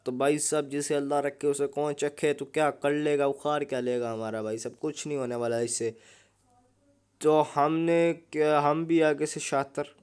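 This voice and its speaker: A man's voice: on the high side, flat delivery, moderate pace, a little mellow, smooth. A young man, giving casual, joking commentary over mobile gameplay. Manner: joking, chatty, keeps saying "bhai sahab". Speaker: gaming YouTuber.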